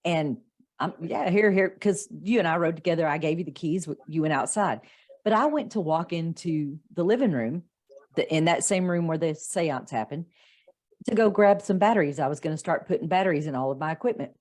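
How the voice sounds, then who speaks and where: A woman co-hosting a podcast, telling a story in lively casual chat and acting out the lines she quotes. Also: deep voice, a little fast. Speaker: podcast co-host.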